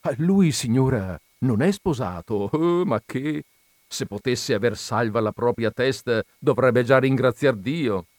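A man's voice: mid-range voice, animated, unhurried, dry recording, lightly acted. A man voicing a harried middle-aged landlord who complains plaintively and deferentially.

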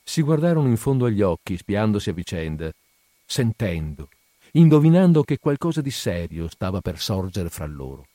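A man reading a classic short story aloud as narrator, in measured storytelling. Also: on the low side, sing-song, mellow, no echo. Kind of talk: literary audiobook reading.

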